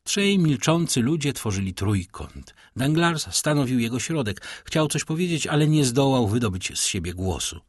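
Male audiobook narrator, husky, expressive storyteller, dry close sound. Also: medium pitch, normal speed, hardly any pauses, dry recording. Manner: expressive storytelling with vivid intonation. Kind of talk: scripted narration of a classic novel.

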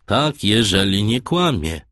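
A man's voice: medium pitch, expressive, measured pace, dry recording, clean studio sound, voice pushed up, close to an everyday voice. A man voicing a brusque, doubting middle-aged ship's master in an audiobook. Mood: doubtful.

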